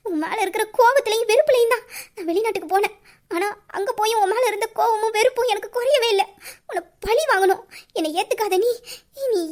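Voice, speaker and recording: A woman voicing a remorseful young woman in an audio drama who pleads through tears and confesses a secret plan for revenge. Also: very high-pitched. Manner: sobbing, pleading, guilt-ridden. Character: tearful young woman hiding a revenge scheme. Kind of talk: emotional audio drama acting.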